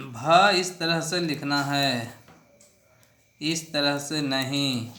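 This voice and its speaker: A man teaches a handwriting lesson, spacing out each instruction slowly and deliberately. His voice sits a little high and sounds bright. The recording carries a noticeable room echo. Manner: slow, deliberate instructional delivery.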